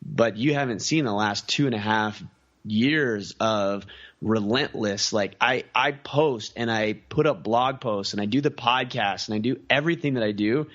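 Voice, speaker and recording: A community founder appears as a guest on a podcast, talking earnestly in a casual interview and stacking up lists of examples. His voice is lowish and fairly bright, at a moderate pace, and the recording has its highs cut off.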